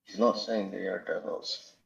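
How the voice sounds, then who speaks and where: A man's voice: deep voice, fairly even intonation, normal speed, vocal fry, dull audio. A hesitant man calling in to a debate, his call audio breaking up so he sounds faint and keeps fading. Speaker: caller in an online debate.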